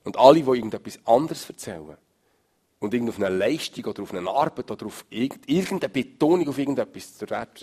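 A male preacher, giving an emphatic sermon that swings from loud stresses to low murmurs. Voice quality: gravelly, husky.

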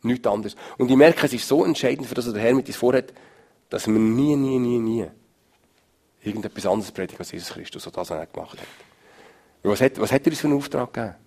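A male preacher, giving an emphatic sermon that swings from loud stresses to low murmurs. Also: fast. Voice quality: gravelly, husky.

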